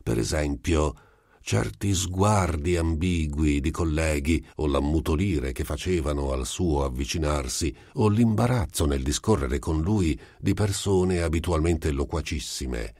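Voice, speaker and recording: A man reading a short story aloud as an amateur audiobook narrator, in a steady, measured way. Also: a bass voice, no room sound, studio quality. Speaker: audiobook reader.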